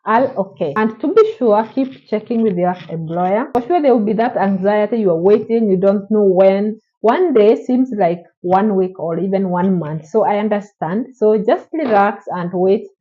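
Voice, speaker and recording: In a casual advice vlog from Oman, a female vlogger answers viewer questions with a mid-range voice at normal speed, pausing little. She is encouraging, repetitive and addresses the audience directly, and the recording sounds slightly muffled.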